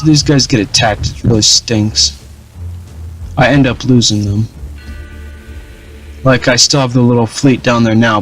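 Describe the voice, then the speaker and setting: Flat and slightly dull, a young man's mid-range voice wanders through commentary on his strategy campaign. He is a gaming channel host speaking casually and unhurriedly, with plenty of fillers and restarts.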